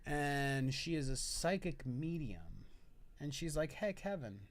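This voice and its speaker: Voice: mid-range voice, lively intonation, slow pace. A podcast co-host in casual chat, playful and teasing, laughing often.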